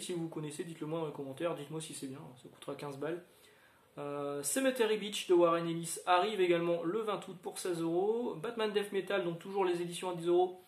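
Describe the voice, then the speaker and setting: A man in his thirties chatting casually about upcoming comic releases, rambling with lots of fillers and restarts and giving frank opinions. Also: a little high. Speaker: comics video host. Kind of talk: casual chat. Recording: echoey room.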